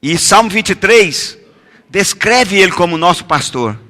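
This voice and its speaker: A man preaches in a high, bright, forceful voice. He keeps calling for responses and builds up to loud, emphatic repeated declarations. His voice carries a long reverb from a church hall. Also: lively intonation, unhurried. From Goiás, Brazil. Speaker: pastor. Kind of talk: sermon with call-and-response.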